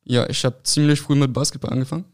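Here a young adult football player, French by birth and Berlin-raised, talks fast in a level, medium-pitched tone. His casual interview answers are brief and uncertain, with many fillers.

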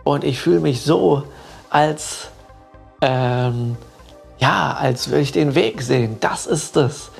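Guy putting on a worked-up young student, slow and gravelly, voice jumping up high when he's upset, faint music behind. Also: heavily acted. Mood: amazed. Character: agitated young male student, eager to help.

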